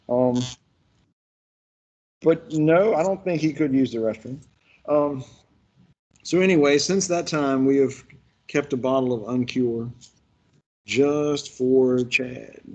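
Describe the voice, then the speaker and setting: A man's voice: mid-range voice, mellow, highs cut off. A man leading a workshop, telling folksy stories in a rambling way with lots of restarts. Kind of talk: casual virtual workshop instruction.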